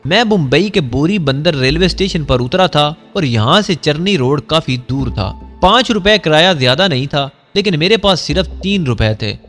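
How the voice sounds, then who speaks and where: A man with a fairly high voice narrates a first-person story in a measured, unhurried way. Faint music plays softly under his voice.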